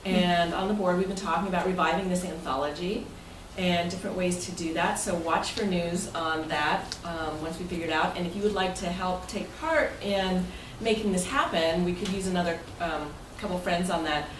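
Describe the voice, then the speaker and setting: A woman with a lowish voice keeps a steady tone and a normal speed. As president, she addresses her club's members in an informal, chatty, meandering way with loose phrasing. The sound is noisy and echoey, as if captured from far off.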